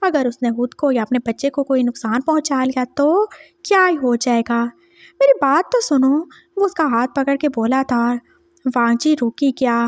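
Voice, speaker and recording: A woman's voice: sits high, no echo. A woman narrating a fan fiction story in a casual, chatty way, with her own asides.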